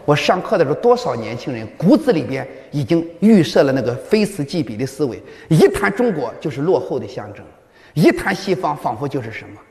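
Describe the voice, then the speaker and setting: A man lectures a large audience with fervent conviction, his fairly high voice leaping up and down as he hammers home each point. He keeps turning to the crowd with rhetorical questions. The sound carries a long, ringing hall reverb. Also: very animated, brisk, a little mellow. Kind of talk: public lecture.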